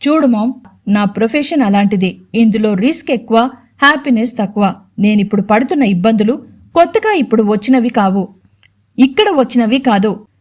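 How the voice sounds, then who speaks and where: A woman's voice: fairly high pitch, darkish tone. A stern young CEO husband, voiced by a woman speaks in firm, clipped orders. He is protective and short of patience in this audio storybook. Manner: firm, curt, commanding.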